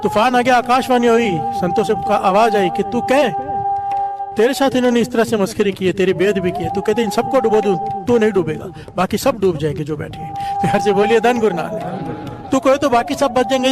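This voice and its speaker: A man, telling a story and breaking into call-and-response chants. Devotional music plays clearly behind him. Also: high-pitched. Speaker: preacher. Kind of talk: devotional katha sermon.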